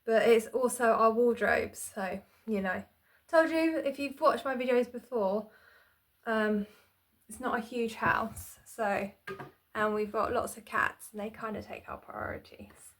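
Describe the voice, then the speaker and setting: A woman's voice: fairly high pitch, a little slow. Chatty woman vlogging at home. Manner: rambling, chatty, self-deprecating with frequent "um" and restarts. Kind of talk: casual chatty vlog. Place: small home room, indoors. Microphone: phone camera on tripod.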